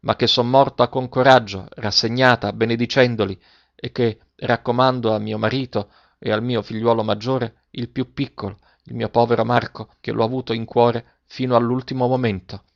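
A man's voice: mid-range voice, steady tone, normal speed, creaky, no room sound, lo-fi sound, lightly acted. A man voicing a frail, loving dying mother who speaks with pleading emotion. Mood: tender, resigned.

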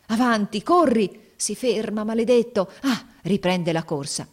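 A woman voicing a fierce, desperate army captain in a storybook reading, shouting orders through clenched teeth. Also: on the low side, animated, measured pace. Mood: shouting urgently.

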